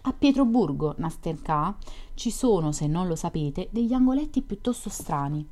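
A shy, solitary young male dreamer, earnest and wistful, as a woman narrator reads him. The voice is lowish and mellow and carries a reflective, storybook telling. It stays measured and sincere. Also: lively intonation, close to an everyday voice. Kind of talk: audiobook reading of a novel.

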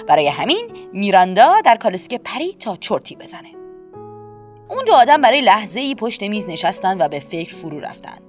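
A woman narrating a children's storybook in a gentle, steady, expressive way. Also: on the high side. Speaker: audiobook narrator.

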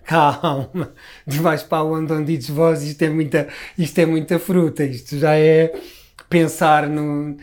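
With a fairly high, somewhat dark voice and a flat delivery, a middle-aged Lisbon native speaks at a measured pace in his Lisbon Portuguese accent. He's a guest in a casual conversation, musing and wandering with frequent restarts.

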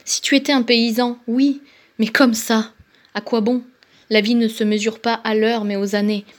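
A woman's voice: a little high, flat delivery, normal speed, lightly acted. A woman reading the lines of a stern, sensible woman who turns down a romantic suitor, firm and a little motherly.

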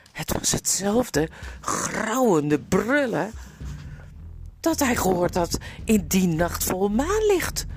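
Expressive woman reading a storybook aloud. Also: mid-range voice, slight background noise. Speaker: narrator.

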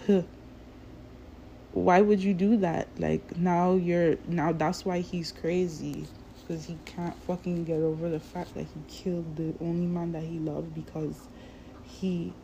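Talking directly to her viewers, a woman vlogger delivers a casual, rambling rant, slow and drawn out and freely profane. Her low, dark voice is gravelly with lots of vocal fry, her words stretch out unhurriedly, and there's slight background noise.

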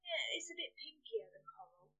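A woman's voice: sits high, lively intonation, moderate pace, sharp tone. A young British woman, a single mum, chatting as a podcast guest in a frank, down-to-earth way. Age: young adult. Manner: frank, down-to-earth, a self-described worrier. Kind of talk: casual chat.

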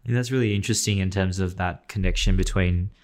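Deep, flat-voiced male interviewer. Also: fast. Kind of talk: interview questions.

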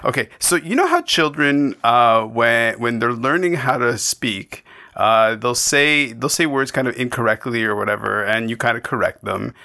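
A man's voice: mid-range voice, lively intonation, normal speed, gravelly, bright, forceful tone. A man from Canada hosting a podcast, chatting casually and rambling with many restarts and digressions. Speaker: podcast host. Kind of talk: casual interview chat.

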